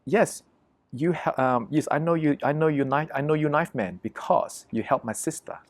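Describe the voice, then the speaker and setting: A man putting on an insistent young woman in broken english, raised pitch, halting repeats. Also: dry recording, close to an everyday voice.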